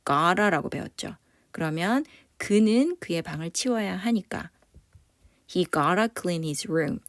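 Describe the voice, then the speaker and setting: A woman teaching English grammar in Korean, patiently explaining and saying English phrases slowly for learners to repeat, with encouraging praise. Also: medium pitch, no room sound, clean studio sound. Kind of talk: online English lesson.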